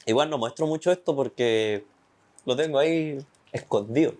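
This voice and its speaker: A young man with a Chilean accent giving an earnest, animated personal faith testimony. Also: mid-range voice, normal speed. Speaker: testimony guest.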